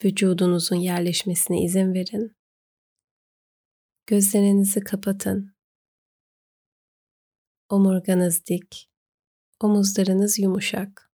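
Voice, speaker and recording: A woman narrating a guided meditation, giving gentle, unhurried instructions with pauses. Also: medium pitch, little pitch movement.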